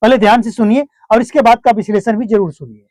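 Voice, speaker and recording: A man's voice: high-pitched, fast talker, darkish tone, dry recording. A man commenting on a political clip, lecturing with rhetorical questions. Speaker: news commentator.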